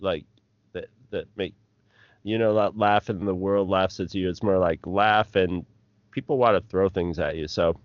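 A man's voice: low voice, fairly even intonation, moderate pace, no room sound, highs cut off. A man co-hosting a podcast from home over a call, chatting casually in a self-mocking, hesitant way. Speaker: podcast co-host. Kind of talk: casual chat.

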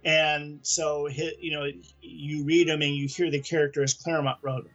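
A man's voice: on the high side, level tone, normal speed, fairly bright tone, dull audio, soft background music. A man co-hosting a podcast, chatting casually about comics in a rambling, enthusiastic way. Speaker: podcast co-host.

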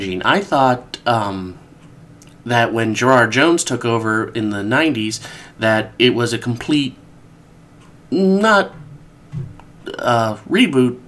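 A man from the American Midwest hosting a casual podcast, stuffed up from a cold, rambling and correcting himself as he goes. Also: mid-range voice. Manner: rambling, animated, self-correcting. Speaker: podcast host.

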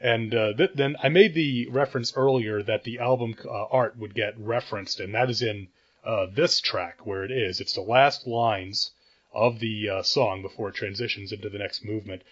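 A man's voice: fairly low pitch, moderate pace, highs cut off. A man co-hosting a podcast, talking through an album thoughtfully with many restarts and fillers. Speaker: podcast co-host. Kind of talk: casual album discussion.

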